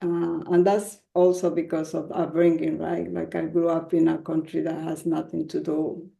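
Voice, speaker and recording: A woman poet from Ecuador answers a question at a reading, searching for words with frequent fillers. Her voice is low, mellow and gravelly, and she speaks slowly. The sound is roomy. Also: level tone. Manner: hesitant, many fillers and laughs. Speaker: featured poet. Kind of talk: panel discussion answer.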